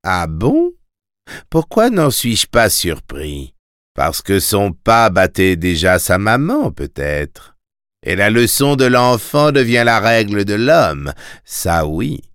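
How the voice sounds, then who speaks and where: A man voicing a sinister, mocking male tax collector in a storybook, sly and taunting with sudden loud commands. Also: lowish voice, very animated, slow pace, clean tone, no echo, clean studio sound, heavily acted. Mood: hushed, sly.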